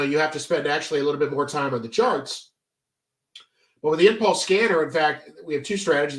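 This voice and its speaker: A man's voice: on the high side, fairly bright tone, echoey room, distant mic. A congested man giving a casual, chatty trading tutorial, full of fillers and stop-start phrasing. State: stuffy, congested. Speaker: trading educator. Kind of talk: casual screen-share tutorial.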